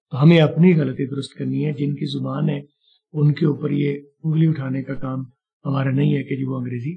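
A man teaching spoken English in a casual lesson, explaining points patiently and slowing down for English example phrases. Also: mid-range voice, husky, lo-fi sound.

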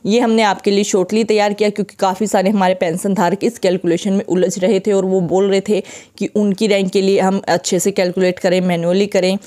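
A woman's voice: medium pitch, little pitch movement, a little fast, mellow. A woman hosting a pension news channel, steadily explaining arrear calculations and reading out figures over a handwritten table.

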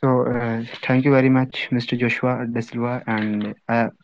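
A man's voice: mid-range voice, level tone, moderate pace, muffled recording, slight background noise. A man from Pakistan, a fan on an audio call, asking polite and hesitant questions.

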